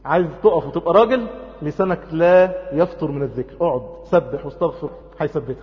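A man preaching a sermon in Egyptian Arabic, lively, swinging between loud urging and soft, close tones, acting out the scenes he tells. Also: fairly high pitch, fast, big-room sound, muffled recording.

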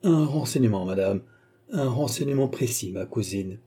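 A man voicing an anxious, agitated king who turns eager and loud in a read-aloud novel. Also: medium pitch, expressive, normal speed, breathy edge. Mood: urgent. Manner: eager, exclaiming, raising his voice.

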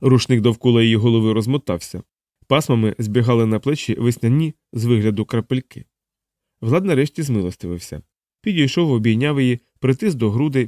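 A man narrating an audiobook in an even, measured storytelling voice. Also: medium pitch, no echo.

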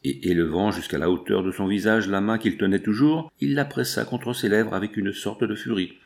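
A man narrating an audiobook novel in a measured storytelling manner. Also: on the low side, creaky. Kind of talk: scripted narration.

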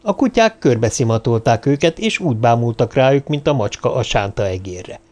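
A man narrating an audiobook, giving the characters' lines small shifts of pitch. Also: lively intonation, a little mellow.

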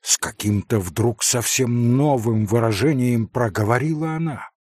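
A man narrating an audiobook in a dramatic, unhurried reading. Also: medium pitch, darkish tone, dry recording.

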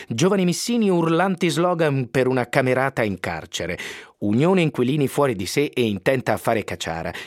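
A man reading a book aloud on the radio in an expressive, wry storytelling manner, close to a studio microphone. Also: medium pitch, no echo. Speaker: radio reader.

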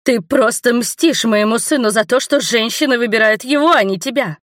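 A woman playing a shrill haughty countess. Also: normal speed, dry recording, studio quality, lightly acted. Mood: indignant. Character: indignant haughty noble mother, a countess. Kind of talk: audiobook character reading.

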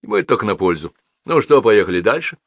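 A man voicing a seasoned police colonel who speaks calmly and firmly with a dry irony. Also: fairly low pitch, fast, dry recording. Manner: calm, firm, dryly ironic. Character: seasoned police colonel, calm, dryly ironic.

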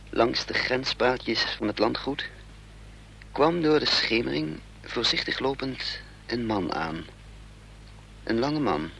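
In a radio drama, an actor with a gravelly, fairly bright mid-range voice plays a hunted amnesiac double: resolute, driven and bitter. His first-person narration is grave, intense and clipped, and the audio is poor with slight background noise.

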